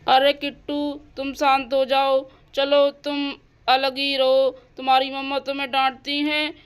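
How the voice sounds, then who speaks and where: A woman voicing a calm, indulgent father in a doll-house cartoon story, speaking in a reassuring way. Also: high voice, measured pace. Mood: soothing. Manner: soothing, reassuring.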